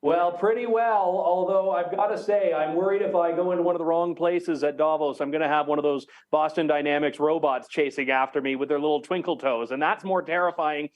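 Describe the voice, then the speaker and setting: A man's voice: fairly high pitch, steady tone, a little fast, hardly any pauses. A man, a journalist, joining an interview remotely and answering in a dry, wry, matter-of-fact way. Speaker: journalist guest.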